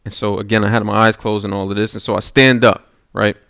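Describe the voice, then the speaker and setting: A man's voice: lowish voice, level tone, quick pace, vocal fry, fairly bright tone, no room sound. Man preaching a sermon, dry sound. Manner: storytelling, with rising intensity and repeated "right?".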